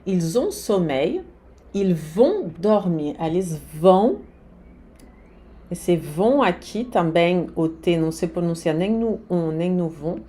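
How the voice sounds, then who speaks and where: A woman teaching a lesson, giving slow, carefully articulated pronunciation drills. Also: fairly low pitch, animated, mellow. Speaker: French teacher. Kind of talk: language lesson.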